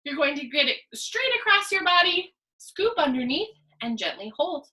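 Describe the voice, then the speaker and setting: High, bright kids show host woman. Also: sing-song, normal speed, low-quality recording. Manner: kids show host delivery, sing-song counting and simple encouraging instructions; addresses the viewer directly with call-and-response. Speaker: elementary PE teacher. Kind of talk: guided stretching lesson for young children.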